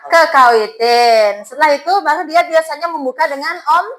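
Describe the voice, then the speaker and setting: Woman teacher, Balinese accent, high bright voice, coaxing, asks questions. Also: fairly even intonation, fast talker, poor audio. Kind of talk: classroom teaching.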